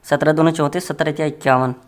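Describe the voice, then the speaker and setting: A man's voice: on the high side, fairly even intonation, fast, clear, resonant tone. A man teaching a maths lesson in a casual, joking way, chatting to his students as friends while working through problems. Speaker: maths tutor.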